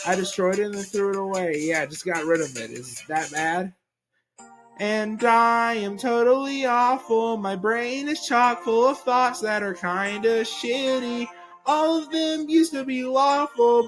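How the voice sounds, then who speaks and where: Slow, self-mocking teenage male singer. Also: very high-pitched, rough recording. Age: late teens. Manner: self-mocking, confessional singing. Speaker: singer-songwriter. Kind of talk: comedic song performance. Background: faint music.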